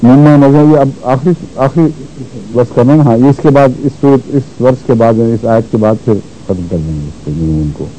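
A man teaching Quran recitation rules, explaining patiently and repeating words slowly to show how they are pronounced. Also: mid-range voice, mellow, muffled recording, slight background noise. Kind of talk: religious lesson on Quran recitation.

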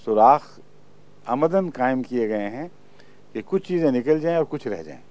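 A man's voice: mid-range voice, expressive, a little mellow. A man giving a religious lecture, reciting verses and explaining their meaning. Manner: explanatory, recites Arabic verses then translates. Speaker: Quran commentator. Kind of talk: religious lecture on Quran exegesis.

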